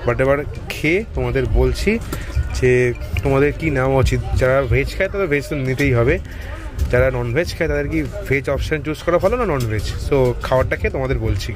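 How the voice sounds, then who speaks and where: A man's voice: mid-range voice, quick pace, over music. A man from Kolkata with a Bengali accent, chatting casually to viewers in a travel vlog aboard a train. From Kolkata, India. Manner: chatty, addresses viewers directly. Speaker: travel vlogger.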